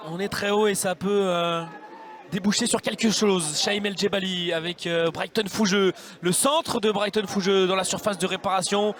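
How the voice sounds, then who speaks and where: A man commentating live on a football match in an excitable, emphatic way. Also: sits high, normal speed. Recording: outdoor crowd noise behind commentary. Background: outdoor stadium crowd.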